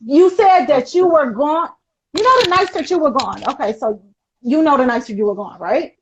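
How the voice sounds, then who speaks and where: A woman's voice: high voice, animated, normal speed, noisy background. A woman arguing with her cousin, insistent and repeating her questions over and over. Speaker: cousin in a recorded dispute. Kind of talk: heated argument. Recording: dull lo-fi sound.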